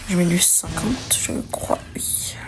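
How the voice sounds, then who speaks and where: A woman's voice: on the low side, slow pace, in a whisper. A young woman chatting casually while she plays a card game, thinking aloud in slang and correcting herself as she goes. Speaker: gaming video creator. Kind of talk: casual let's-play commentary. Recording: faint music behind.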